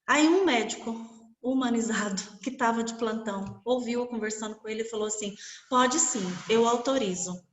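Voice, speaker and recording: A woman's voice: a little high, a little fast, reverberant. A woman telling an emotional personal story to a class, acting out the people in it. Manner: vivid, animated, acts out quoted voices. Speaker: guest speaker sharing her story.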